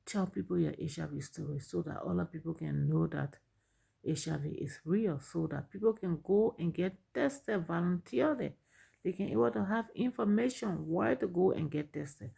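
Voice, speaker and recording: Middle-aged Liberian woman, lowish husky voice, earnest testimony with repeated points. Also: mellow. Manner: earnest, repeats phrases for emphasis. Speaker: speaker sharing her story. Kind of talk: personal testimony, advice.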